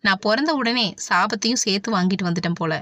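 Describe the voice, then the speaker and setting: A woman voicing a heartbroken young woman, the gentle heroine, speaking tearfully. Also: mid-range voice, fast talker, no room sound, lightly acted. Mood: sorrowful. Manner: sorrowful, tearful. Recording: dull, dry audiobook recording.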